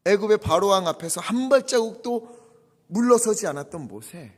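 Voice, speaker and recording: Dramatic high-voiced male preacher. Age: 40s. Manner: dramatic, swinging between soft hushed asides and loud emphatic peaks. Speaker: pastor. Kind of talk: sermon. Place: church sanctuary. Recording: long church reverb.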